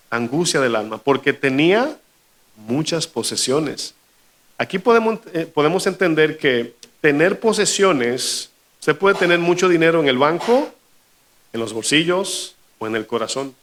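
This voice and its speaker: A man's voice: a little high, fairly bright tone. A male pastor preaching a sermon, asking the congregation questions and acting out quoted lines.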